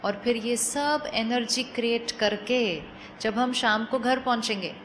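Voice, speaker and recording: A woman giving a calm, persuasive spiritual talk to a live audience, often asking questions and mixing in English phrases. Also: a little high, unhurried, a little hiss or hum. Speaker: spiritual speaker.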